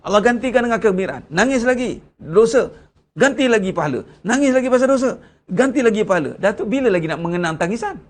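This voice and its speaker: Male religious teacher, Malaysian Malay accent, high-pitched, conversational sermon delivery with rhetorical questions. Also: animated, fast. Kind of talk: Ramadan religious lecture.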